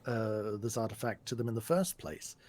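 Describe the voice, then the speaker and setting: A man with a husky voice role-playing casually as a tabletop player, phrasing things hesitantly and deliberately. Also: fairly low pitch, expressive, darkish tone, a little hiss or hum.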